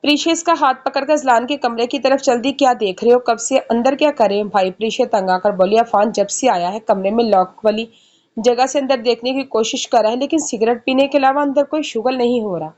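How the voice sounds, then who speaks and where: Woman, storybook narrator, slightly high voice, reads all characters' lines herself. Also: fairly quick, a little mellow. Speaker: novel narrator. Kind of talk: reading a romance novel aloud.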